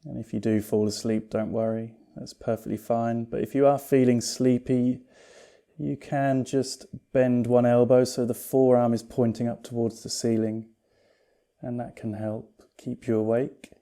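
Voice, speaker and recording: Speaking in a mid-range voice, a male yoga teacher leads a guided meditation. His pace is unhurried and calm, and he sounds gentle, soothing and reassuring.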